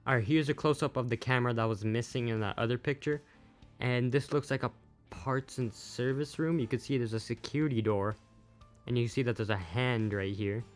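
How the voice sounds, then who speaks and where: A man with a mid-range voice and fairly even intonation talks briskly, with music playing behind him. He's a YouTube host covering game news, giving casual, off-the-cuff commentary that is plain-spoken and a little unsure.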